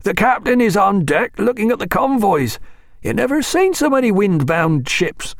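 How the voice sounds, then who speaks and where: A man voicing a plain-spoken old seaman with a sailor's rough grammar. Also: high-pitched, big pitch swings, moderate pace, no room sound, clean studio sound, voice pushed up, exaggerated voice. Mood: matter-of-fact.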